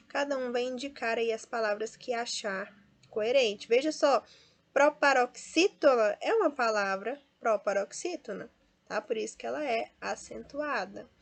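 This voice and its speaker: A woman teacher with a Brazilian Portuguese accent who explains step by step and draws out each example word. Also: on the high side. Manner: explains step by step, often adds tag questions; stresses and drawls out example words. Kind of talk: classroom lesson.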